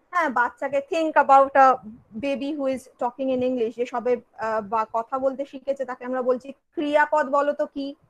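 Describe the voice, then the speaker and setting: A woman's voice: sits high, rough recording. A woman teacher with a Bengali accent giving an online English class, switching between Bengali and English and asking and answering her own questions.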